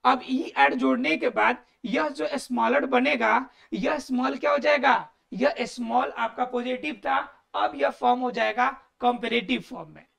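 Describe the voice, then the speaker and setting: Woman grammar teacher, high and gravelly, self-answering questions, repeats key words. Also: a little slow, few pauses, fairly bright tone. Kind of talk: explanatory lesson.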